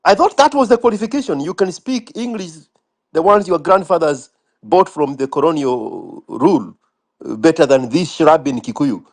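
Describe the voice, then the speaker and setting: Animated high-pitched Kenyan man, challenging. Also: moderate pace. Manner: challenging, sarcastic, repeats questions for emphasis. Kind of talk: casual debate.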